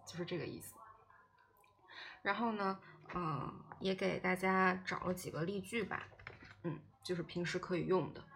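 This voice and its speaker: A woman giving a casual online language lesson, chatty and repeating words slowly for learners. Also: lowish voice. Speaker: Korean language teacher.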